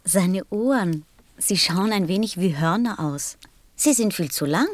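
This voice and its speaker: A woman in an audio drama playing a gentle, serious little boy prince from another planet. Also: mid-range voice, animated, unhurried, close to an everyday voice. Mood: earnest, frank.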